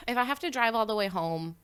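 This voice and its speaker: A woman's voice: on the high side, expressive, moderate pace, fairly bright tone, smooth. A woman in her twenties with a Texan accent, chatting candidly as a guest, swearing freely and laughing at herself. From Paris, Texas. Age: 20s. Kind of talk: casual chat.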